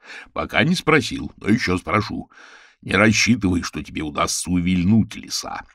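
A big, gruff bear policeman snaps curt questions in a deep, raspy voice, as a male narrator puts him on. The audiobook read sounds dry and close. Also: expressive, moderate pace, fairly bright tone, no room sound. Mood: stern.

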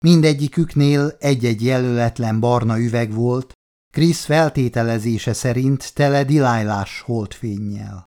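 A man with a medium-pitched voice narrates an audiobook. His scripted reading is steady and measured.

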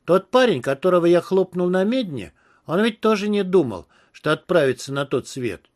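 A man's voice: high voice, big pitch swings, normal speed. A man voicing a stooped, nervous young male henchman who mumbles deferentially. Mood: uneasy.

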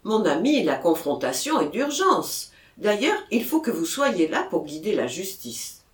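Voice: medium pitch, big pitch swings, measured pace. A reader voicing a firm, insistent police commissioner, in a storybook reading with a roomy echo. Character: firm police commissioner, middle-aged man.

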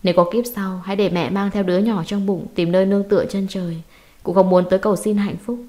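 A woman's voice: mid-range voice, fairly even intonation, fast, dark tone, natural voice. A woman reading as a dying, guilt-ridden mother. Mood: remorseful.

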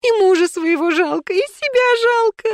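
A woman reading a story, voicing a drunk middle-aged woman who weeps and pleads, rising to shrill cries. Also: big pitch swings, normal speed, no echo, studio quality. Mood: hysterical.

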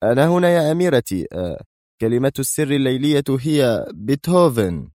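A man's voice: deep voice, lively intonation, fairly quick, darkish tone, no echo, studio quality. A man voicing a nervous, irritable male lawyer in an audiobook, snapping his lines. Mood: tense. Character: tense, irritable male lawyer, sharp and impatient.

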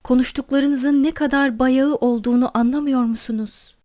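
A woman voicing an agitated middle-aged male doctor who shouts insults indignantly. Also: sits high, fairly even intonation, normal speed, voice pushed up, close to an everyday voice. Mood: furious.

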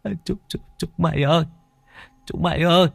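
A man's voice: fairly low pitch, a little slow, dry recording, natural voice. A man voicing a chubby village boy who talks brashly and stutters when frightened in a spoken ghost story. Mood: terrified. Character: chubby boy, cocky, then terrified.

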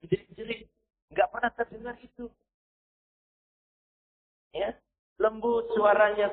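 A male preacher giving a sermon, stressing points with a repeated "ya" and quoting Arabic verses. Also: high voice. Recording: tinny phone-like recording.

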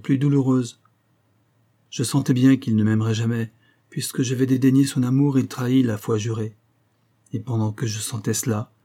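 A man reading an audiobook and voicing a remorseful young wife, who speaks softly, humbly and imploringly. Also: medium pitch, close to an everyday voice. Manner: soft, imploring and contrite.

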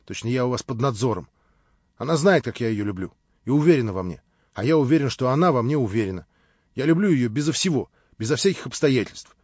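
Naive young man, read by a male narrator; plaintive, rambling, a bit lower and softer than the narration. Dry, dull-ish audio. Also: lively intonation, fast, husky, no room sound. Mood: self-justifying.

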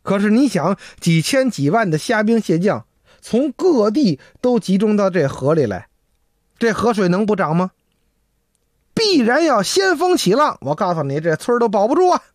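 Male storyteller, animated delivery full of sound words, dry close sound. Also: high voice, normal speed, no echo. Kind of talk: folk-tale storytelling.

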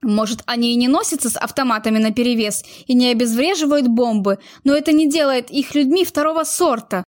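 A woman's voice: fairly high pitch, brisk, no echo, studio quality, close to an everyday voice. A woman voicing a young woman in a heated argument with her partner, defensive and emotional. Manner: heated, pleading outbursts.

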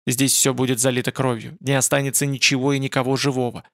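A man's voice: medium pitch, little pitch movement, fast talker, a bit bright, dry recording, studio quality, lightly acted. A man voicing a proud, fierce young woman held captive, urgent and commanding. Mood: pleading.

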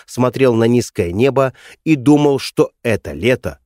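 A man narrates an audiobook in a measured, even reading with a mid-range voice. The sound is dry and close, with no room around it. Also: medium pitch, no echo. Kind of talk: scripted narration.

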